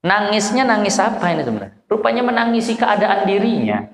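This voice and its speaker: An Islamic preacher from Medan, Indonesia, with a Medan Malay accent, gives an informal religious lecture at a village study gathering, telling stories loosely and a little fast. He's animated and lowers his voice to play the characters, while an echoey hall adds a long reverb tail.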